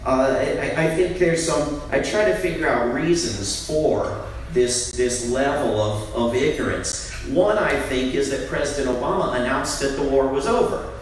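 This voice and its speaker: A man's voice: mid-range voice, measured pace. A man giving an impassioned speech on a panel, often restarting his sentences. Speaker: panel speaker, antiwar group director. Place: large indoor event room. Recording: very echoey room, distant mic, faint background noise.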